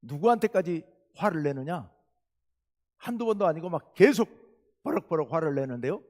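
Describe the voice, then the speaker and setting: A man preaches from the pulpit, his fairly high voice carrying through a church with a long reverb. He tells a story animatedly, swinging between loud outbursts and quiet, confiding asides. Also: lively intonation, normal speed. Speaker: pastor. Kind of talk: sermon. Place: church sanctuary.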